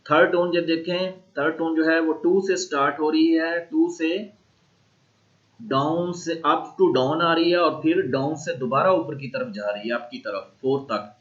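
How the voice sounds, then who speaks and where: A man with a Pakistani accent teaches in a slow, deliberate way, pausing to repeat each sound for his students. His voice sits a little high. The recording is muffled and lo-fi, like a classroom lecture taped for students. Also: a bit bright. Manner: slow, repetitive explaining, modeling tones aloud. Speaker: language teacher.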